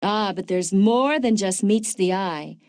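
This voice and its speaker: A woman voicing a smart, dry-witted female agent in a video game, calm and informative with a touch of sarcasm. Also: medium pitch, unhurried, no echo, lightly acted. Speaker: game character, field agent. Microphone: dry studio mic.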